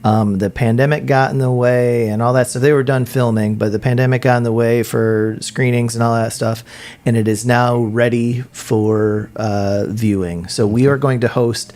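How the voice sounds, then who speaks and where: A man's voice: medium pitch, steady tone, normal speed, darkish tone. A man speaking as a guest in a radio studio, explaining things steadily, with frequent ums and uhs. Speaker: arts center guest. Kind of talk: casual radio interview.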